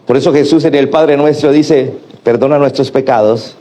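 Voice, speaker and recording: A male pastor, preaching a sermon in an animated way, acting out quotes and calling out to the congregation. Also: medium pitch, normal speed, a little hiss or hum. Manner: animated preaching with acted-out quotes and call-and-response.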